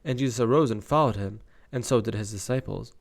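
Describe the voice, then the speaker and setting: A man's voice: medium pitch, a little fast, gravelly. A young man reading Bible verses aloud and breaking off to comment casually on them. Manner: reads scripture aloud, stops to comment casually.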